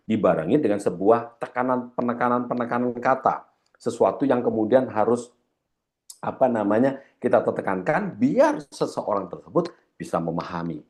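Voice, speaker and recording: Animated male trainer with a slightly heavy voice. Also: mid-range voice, moderate pace. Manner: addresses the audience often, repeats key points. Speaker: corporate trainer. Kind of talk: training seminar lecture.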